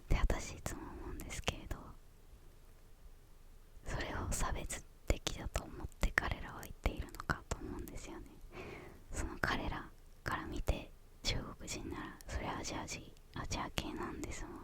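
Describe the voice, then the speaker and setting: A young woman speaking in a hushed, breathy whisper, answering questions in ASMR style with hesitant pauses between short phrases.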